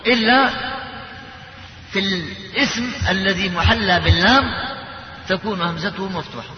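A high-pitched man gives a tajwid lesson, explaining each rule through examples and slowly chanting verses. The sound is lo-fi and dull. A long reverb trails his words through a large hall. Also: a little hiss or hum. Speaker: tajwid teacher. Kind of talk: Quran recitation lesson.

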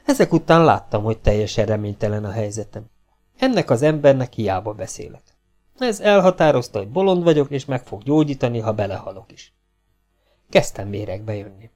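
Man narrating an audiobook, mellow warm voice, animated, some faint music in the back. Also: mid-range voice. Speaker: audiobook reader.

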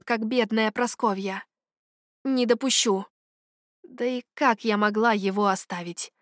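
A woman's voice: fairly high pitch, no echo, clean studio sound. Woman reading a dramatic story. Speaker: audiobook narrator. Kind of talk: first-person fiction narration.

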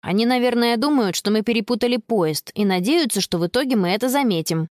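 A woman voicing a cheeky, confident young girl in a storybook reading, talking quickly and teasingly. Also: on the high side, darkish tone, no echo, studio quality, lightly acted.

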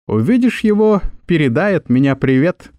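A man's voice: a little high, big pitch swings, moderate pace, a little mellow, no room sound, studio quality, voice pushed up. A man doing a cocky tipsy office clerk. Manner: cocky, mock-tough.

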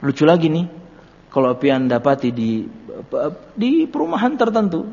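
A fairly high-voiced man with a lilt preaches in a lighthearted, storytelling way, breaking into jokes between teachings. The recording is dull and lo-fi, and his voice rings with a long hall reverb. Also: huge pitch swings, normal speed, gravelly, a little mellow. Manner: chatty storytelling with jokes and laughter. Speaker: ustadz teaching a book study. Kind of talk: humorous sermon with anecdotes.

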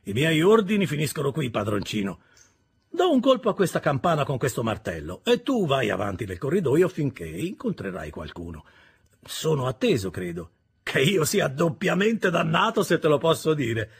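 Rich: A surly, insolent workman speaks in a gruff, sullen drawl, as a male reader puts him on. His voice is husky and raised a little, in a spoken audiobook. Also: on the high side, very animated, moderate pace, pitched above the performer's own voice, heavily acted.

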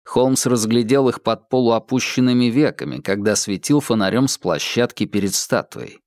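A man narrating an audiobook in a measured, even reading. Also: medium pitch, no room sound, clean studio sound. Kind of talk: scripted narration.

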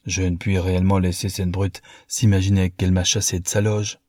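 Man voicing a haughty young count, disdainful, low pitch, dark tone, audiobook. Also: level tone, a little fast, dry recording. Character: proud young French count, haughty aristocrat.

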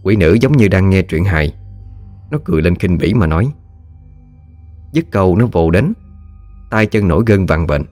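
A man narrating a ghost story in a lively, colloquial way. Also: low-pitched, normal speed, long pauses, dry recording, soft background music.

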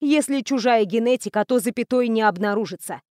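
A woman voicing a stern older female professor and matriarch who speaks in a brisk, authoritative way. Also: on the high side, darkish tone, no room sound, clean studio sound, lightly acted.

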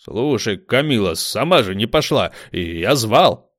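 A man's voice: mid-range voice, expressive, moderate pace, fairly bright tone, dry recording, studio quality, lightly acted. A man voicing an evasive, clever young man who protests defensively and whines.

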